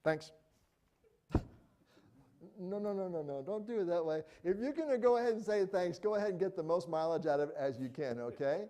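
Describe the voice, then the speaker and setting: A middle-aged man preaching a sermon in a conversational, animated way, acting out little everyday examples. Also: high-pitched, fast, few pauses. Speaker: pastor.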